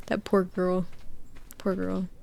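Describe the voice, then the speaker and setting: A young woman gently rambling in a soft-spoken ASMR style over gameplay, with whispered asides, close to the microphone. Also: fairly low pitch, completely flat delivery, slow pace, vocal fry. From United States. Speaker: gaming channel host. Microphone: close microphone, spoken softly.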